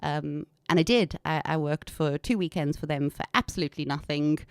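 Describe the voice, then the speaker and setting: A woman in her thirties with an anglicized South African accent appears as a podcast guest, candidly sharing her personal story in a conversational interview. She is an environmental consultant and business owner, and her low, smooth voice moves at a moderate pace in clean studio sound with no room noise.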